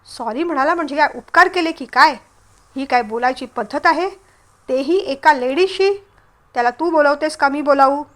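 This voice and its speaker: A woman reading the part of a stern elderly father who scolds slowly and with emphasis, in a storybook reading. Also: high-pitched, fairly bright tone. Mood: angry. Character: stern elderly father, quick-tempered head of the family.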